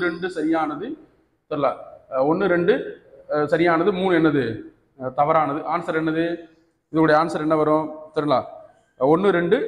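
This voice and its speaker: A man with a Tamil accent teaching an exam coaching class, who keeps asking his students "right?" and mixes English terms into his speech. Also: a little high. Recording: echoey hall recording.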